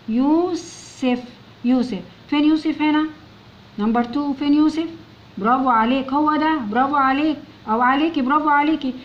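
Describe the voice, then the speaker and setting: A woman with an Egyptian Arabic accent teaching young children, patiently sounding out words letter by letter and coaxing them to answer. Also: on the high side. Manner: coaxing, keeps prompting pupils to answer. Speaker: English teacher. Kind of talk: recorded lesson for young children. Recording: dull lo-fi recording with faint noise.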